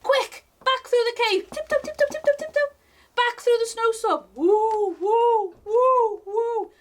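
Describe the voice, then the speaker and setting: Her voice is extremely high and she takes her time. This woman is a library storytime reader sharing a children's picture book aloud, addressing the young audience directly in a lively, singsong manner.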